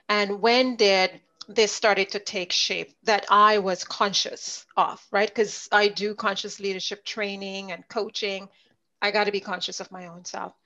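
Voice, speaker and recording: A middle-aged woman from Jamaica, a leadership coach, telling her story in an interview with lively storytelling. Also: mid-range voice. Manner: animated storyteller, voices others in quotes. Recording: dull lo-fi audio.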